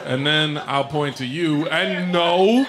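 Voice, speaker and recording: A man's voice: a little high, takes it slowly. A man doing a stand-up set on a comedy club stage, bantering with the crowd in a dry, sarcastic way. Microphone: stage microphone. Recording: live album, loud crowd noise. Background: audience laughter.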